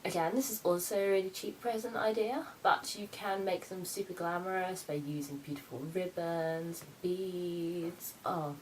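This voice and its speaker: A woman's voice: on the low side, fairly even intonation, normal speed, few pauses, a little mellow, slight background noise, close to an everyday voice, low-quality recording. A woman playing Santa's sassy, self-important grown daughter in a campy comic vlog, presenting gift ideas theatrically. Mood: chatty, smug.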